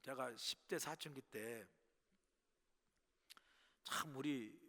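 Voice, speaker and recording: A middle-aged man preaching a sermon as pastor, telling stories, dropping to hushed asides and rising to loud bursts. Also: medium pitch, drawn-out words, gravelly. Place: church sanctuary. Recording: long hall reverb.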